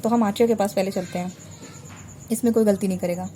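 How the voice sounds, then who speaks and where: Woman, biology teacher, board lesson, patient and repetitive drilling, mellow tone, light hiss. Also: mid-range voice, fairly even intonation, quick pace. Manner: patient, repeats terms to drill memory tricks. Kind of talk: whiteboard revision lesson. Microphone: recorded while drawing a diagram on a board.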